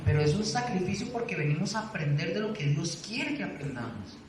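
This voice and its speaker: A man's voice: high voice, sing-song, a little fast. Earnest man teaching, echoey. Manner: earnest, exhorting, asks the class questions. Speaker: Bible class teacher. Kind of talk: church doctrine lesson. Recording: echoey room, distant mic, faint noise.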